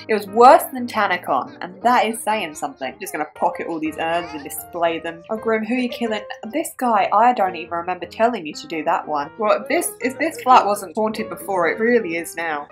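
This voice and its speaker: A woman chatting through a life-sim game as a Let's Play host, giggling and making dark jokes. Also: medium pitch. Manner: chatty, giggly, darkly joking. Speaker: gaming YouTuber.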